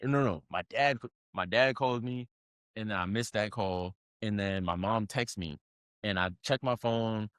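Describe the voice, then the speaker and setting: A man's voice: lowish voice, a little slow, a bit bright, clear, resonant tone, dry recording, clean studio sound. A young man co-hosting a podcast, talking in an earnest, thoughtful, rambling way. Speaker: podcast co-host. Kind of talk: casual chat.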